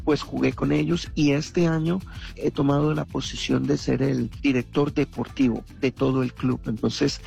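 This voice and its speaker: A former footballer from Costa Rica, speaking with a Costa Rican accent, answers interview questions earnestly, with many fillers. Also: male voice, medium pitch, fairly even intonation, moderate pace, creaky, a little mellow, faint music behind. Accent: Costa Rican Spanish. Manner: earnest, reflective, with frequent fillers.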